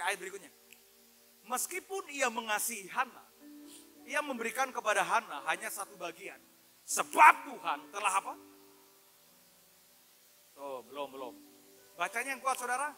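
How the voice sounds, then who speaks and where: A male pastor delivers an animated sermon in a very high, ringing voice. He speaks straight to his listeners and slips into other voices for his stories. Soft music sits behind him. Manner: animated, addresses listeners as "Pak" and "saudara"; acts out his son's and God's voices.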